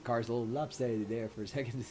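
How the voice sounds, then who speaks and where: A man with a hoarse throat, rambling casually through gameplay commentary with lots of fillers. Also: mid-range voice, steady tone, a little fast, background noise. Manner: rambling, many fillers and self-mocking laughs. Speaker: game streamer. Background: game music.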